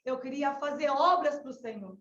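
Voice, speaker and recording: A woman from southern Brazil with a Gaúcho accent shares her missionary testimony, crying out to the Lord again and again. Her voice sits high, and it sounds distant and slightly muffled, ringing in a reverberant space. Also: normal speed, fairly bright tone. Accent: Gaúcho Brazilian Portuguese. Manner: fervent, exclamatory, often calling out to the Lord. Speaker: missionary colporteur. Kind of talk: emotional religious testimony. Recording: echoey, distant, dull-sounding room recording.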